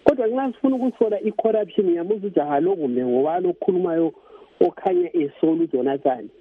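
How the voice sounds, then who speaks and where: A man's voice: sits high, animated, fast talker, slightly rough, no room sound. A man with a Zimbabwean Ndebele accent, close to Zulu, calling a radio phone-in over a telephone to give his political opinion. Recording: tinny, narrow phone line.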